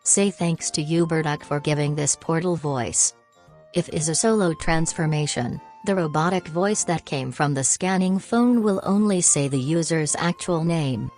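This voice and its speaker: A woman's voice: deep voice, normal speed, a little mellow, soft background music. A woman narrating a fan explainer video in a casual, offhand, self-deprecating way, speaking into a home microphone.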